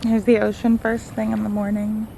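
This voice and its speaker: A young nursing student vlogs on her phone outside at a beach resort, her voice raspy from illness as she chats with viewers she calls "you guys," dropping plenty of "like." Her mid-range voice is delivered completely flat at a normal speed. The outdoor sound is roomy, with loud crickets and insects chirping throughout.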